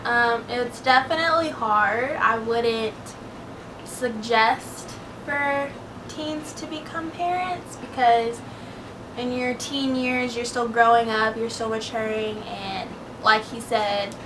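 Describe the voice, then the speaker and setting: A twenty-year-old woman chats easygoingly in a vlog Q&A, her voice sitting a little high and pausing on frequent ums. She sounds set back from the mic, with a clear hiss of background noise behind her. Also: recorded from a distance. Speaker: vlog co-host. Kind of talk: casual Q&A chat.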